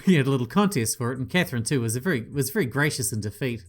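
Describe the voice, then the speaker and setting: A man with an expressive mid-range voice talks very fast as he plays a visual novel on his gaming channel. He reads all the lines, voicing each character, and drops in joking remarks and the odd swear word.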